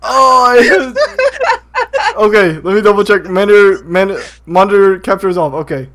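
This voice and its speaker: A man's voice: sits high, a little fast. A man hosting a casual gaming podcast over a voice call, laughing often and sounding exasperated. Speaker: podcast host.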